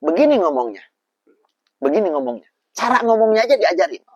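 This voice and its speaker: A man, a preacher guest telling lively, animated stories about raising children. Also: sits high, fairly quick, no echo, dull audio. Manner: animated storyteller. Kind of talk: casual religious talk.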